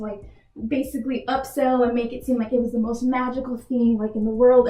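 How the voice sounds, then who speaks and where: The speaker has a fairly high, warm voice heard in a reverberant, rough recording. A young adult retail worker from Texas, she is being interviewed for a job and answers earnestly, with frequent "like" fillers.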